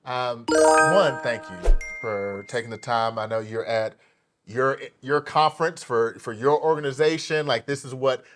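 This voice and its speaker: Excited guy hosting an interview, lots of um and like, restarts himself. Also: medium pitch, a little slow, faint music behind. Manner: animated, hyped delivery with many fillers and restarts. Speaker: podcast host.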